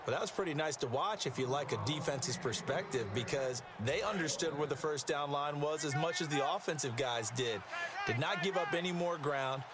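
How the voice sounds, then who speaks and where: American guy voice acting folksy football color commentator for a video game, explains plays, voice a bit high, very noisy background. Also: moderate pace, close to an everyday voice. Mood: analytical. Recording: loud game noise behind voice.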